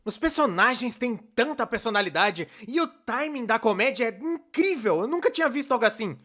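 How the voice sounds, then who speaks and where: Playing a full character voice, a man with a Brazilian accent narrates a scripted fan dub as a chatty, playfully sarcastic and excitable young male cartoonist, in an enthusiastic mood. His voice is very high-pitched, animated, bright and forceful, moving a little fast.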